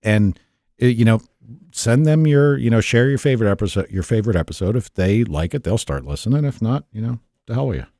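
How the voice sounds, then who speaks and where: A man's voice: lowish voice, animated, a little fast, dark tone, no echo. A man co-hosting a podcast in a studio, laid-back and grumbling, swearing casually as he chats. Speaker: podcast co-host.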